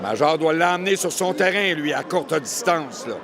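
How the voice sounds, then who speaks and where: A man's voice: a little high, expressive, normal speed, crowd noise. A man with a Quebec accent giving colloquial live boxing commentary. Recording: noisy venue background.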